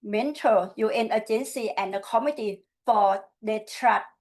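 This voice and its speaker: A woman's voice: on the high side, measured pace, a little mellow. A woman from Thailand, formally wrapping up her webinar presentation in careful English. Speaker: program presenter.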